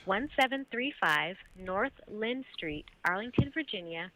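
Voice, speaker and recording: Recorded woman's voice for a phone menu, played over a landline phone, steady and measured. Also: medium pitch, low-quality recording. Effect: automated voice heard over a landline phone.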